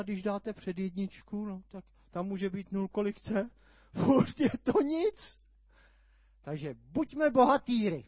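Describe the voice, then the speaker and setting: A man preaching a sermon, telling a vivid story with sudden loud outbursts. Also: high voice, dry recording. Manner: animated storytelling, sudden shouts. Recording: dull lo-fi sound.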